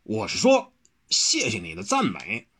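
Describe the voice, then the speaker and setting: A man voicing a big, dim-witted but good-natured brawler who talks in a slow, dopey, easygoing way. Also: mid-range voice, wildly swooping pitch, gravelly, sharp tone, slightly rough, voice pushed up, exaggerated voice.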